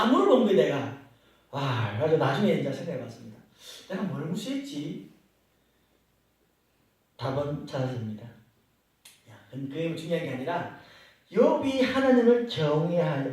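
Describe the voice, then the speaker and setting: A male pastor delivers a sermon with a lively, swinging pitch that climbs and falls as he makes his points. His voice sits a little high but sounds warm and mellow. He keeps asking his congregation questions, and the whole recording rings with heavy reverb from a church hall captured far from the mic. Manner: expository preaching with rhetorical questions to the congregation. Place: church sanctuary.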